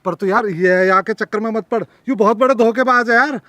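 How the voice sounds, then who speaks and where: A man's voice: high voice, a little fast, sharp tone, no echo. A man playing an earnest, lovesick young village man, blunt and pleading. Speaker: creator and lead of the sketch. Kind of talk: village comedy sketch acting. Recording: music underneath.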